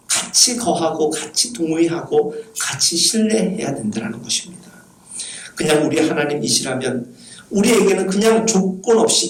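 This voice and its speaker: Earnest pastor preaching in a roomy space. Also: male voice, fairly high pitch. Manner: soft, earnest preaching with rhetorical questions. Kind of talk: sermon.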